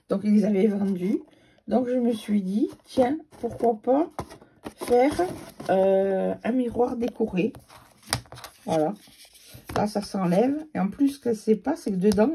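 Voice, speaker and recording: Woman scrapbook vlogger, regional accent, gravelly voice, casual rambling chat. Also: medium pitch, dark tone, a little hiss or hum. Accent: regional French accent. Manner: chatty, rambling, with fillers.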